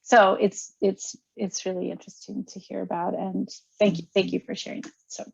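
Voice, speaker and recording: A woman's voice: mid-range voice, flat delivery, moderate pace, creaky, husky, no echo, lo-fi sound. A woman moderating an online panel, hesitant with frequent ums. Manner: warm thanks, hesitant with ums. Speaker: forum moderator.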